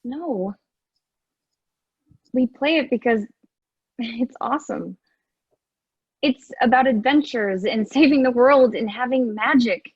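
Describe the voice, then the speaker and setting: Wry, candid geek schoolgirl played by a woman, raspy edge, play reading, close dry muffled recording. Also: a little high, takes it slowly, long pauses, no echo, heavily acted. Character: geeky, frank, wry teenage girl.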